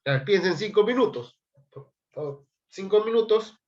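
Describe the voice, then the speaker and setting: Guy teaching law class, higher voice, reads articles fast, kinda dull lo-fi audio. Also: lively intonation. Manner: reads statutes aloud quickly, prompts students. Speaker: law lecturer. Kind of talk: classroom lecture.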